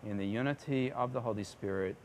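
A man leads liturgical prayer as a priest at Mass. His delivery is solemn and measured, in short phrases with pauses, at a medium pitch. Clear ambient noise of the church sits behind him. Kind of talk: liturgical prayer recited aloud. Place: church during a Sunday Mass.

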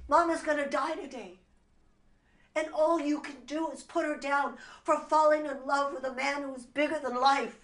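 A woman's voice: high voice, steady tone, normal speed, a bit bright, voice pushed up. A woman acting a distraught grown daughter in a film scene, accusing and raw. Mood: anguished, bitter.

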